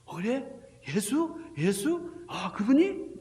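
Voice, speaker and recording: A man's voice: very high voice, sing-song, takes it slowly, echoey room, long reverb tail, voice pushed up, full character voice. A man preacher acting out a blind male beggar desperately crying out for help. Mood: eager surprise. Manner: shouted pleading cries.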